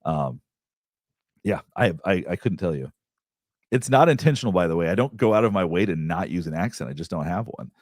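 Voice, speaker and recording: Brisk and lively in intonation, a low-sitting man's voice belongs to a middle-aged therapist from the Southeastern United States. He's hosting a live Q&A, casually rambling through viewer questions with many restarts and fillers, recorded at studio quality with no echo.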